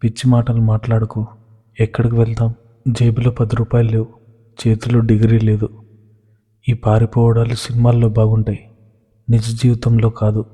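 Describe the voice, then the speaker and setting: A man's voice: medium pitch, completely flat delivery, normal speed, long pauses, warm tone, husky, lightly acted. A man reading a tearful young woman. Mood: harsh. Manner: pleading, tearful. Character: frightened young woman in love. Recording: long hall reverb.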